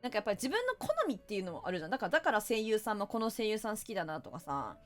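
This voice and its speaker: Animated Kansai-accented woman streamer. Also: mid-range voice, racing, soft background music. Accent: Kansai Japanese. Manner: chatty, reads viewer comments aloud, playful and animated. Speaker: VTuber game streamer. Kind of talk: casual live-stream chat while gaming.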